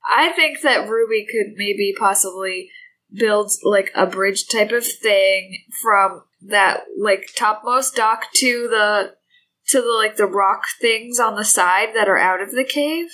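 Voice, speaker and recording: A woman's voice: medium pitch, slow, sharp tone, slight background noise, poor audio. A woman chatting casually as a player in a tabletop game, informal and inquisitive.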